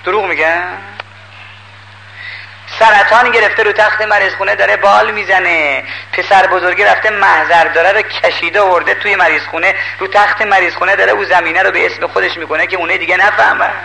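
An older man preaching a sermon in a lively, emphatic way, pleading with and scolding his listeners. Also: high voice, creaky, slight background noise, poor audio.

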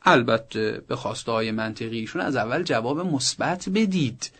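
A man's voice: medium pitch, lively intonation, fairly bright tone. Earnest man giving parenting advice. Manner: earnest, emphatic advice with rising insistence. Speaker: parenting expert. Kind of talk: radio advice talk.

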